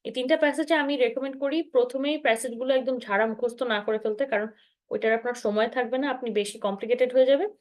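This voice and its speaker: A fairly high-pitched woman with a Bangladeshi accent leads an online exam-preparation class. She explains each strategy patiently, mixing English terms into her speech and pausing to check that her listeners follow. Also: fairly even intonation. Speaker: IELTS instructor. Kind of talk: online masterclass teaching.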